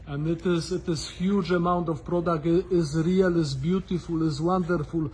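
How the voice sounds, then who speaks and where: A man with a Polish accent presenting a tour as visiting host and translator, effusive, halting and repeating himself for emphasis. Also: on the high side, steady tone, a little mellow. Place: indoors, office and warehouse. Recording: background noise in warehouse.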